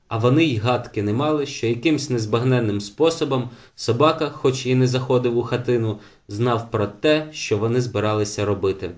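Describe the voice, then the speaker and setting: Man, audiobook narrator, measured, steady novel reading, mid pitch. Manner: measured, slows for chapter titles.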